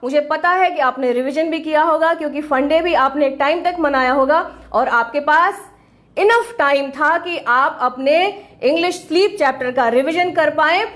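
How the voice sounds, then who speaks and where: A woman teaching an online English class, mixing Hindi and English and slowing down to spell out English sentences. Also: high voice, fairly bright tone. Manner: mixes Hindi with English phrases, slows down sharply on English sentences.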